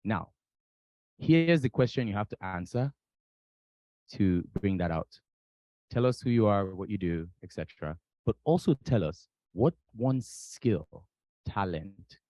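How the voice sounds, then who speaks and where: A man moderating a conference panel, posing a question slowly and deliberately and repeating it for the room. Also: on the low side, mellow, no echo, muffled recording.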